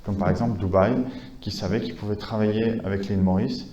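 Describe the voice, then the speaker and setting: Man, low voice, conference lecture, hesitant with many fillers, echoey dull hall recording. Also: steady tone, fairly quick, dark tone, a little hiss or hum. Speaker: conference speaker.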